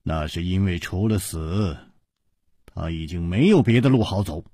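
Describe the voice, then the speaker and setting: A man voicing a calm, wry and clever swordsman hero in a dramatized story reading. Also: deep voice, moderate pace, breathy edge, dry recording, studio quality, voice pushed down, heavily acted. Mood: grave.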